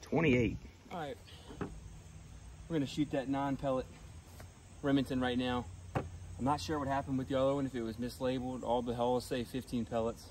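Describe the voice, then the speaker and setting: A young man hosts a casual outdoor range video in a relaxed, easygoing way, pitched in the middle of the male range. The camera mic sits a few feet off, so he sounds slightly distant. A faint hum of insects carries through the open field. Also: normal speed, long pauses. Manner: laid-back, counts pellets aloud. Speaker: outdoors channel host. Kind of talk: casual shooting range vlog. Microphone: camera mic a few feet away.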